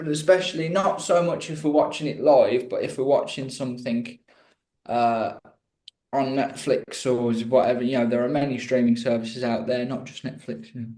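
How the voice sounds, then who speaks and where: A man's voice: mid-range voice, darkish tone. A talkative man from Birmingham, England, telling his story in a casual interview. His speech rambles and he pokes fun at himself. The sound is roomy and echoey. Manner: chatty, rambling, self-deprecating. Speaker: guest musician.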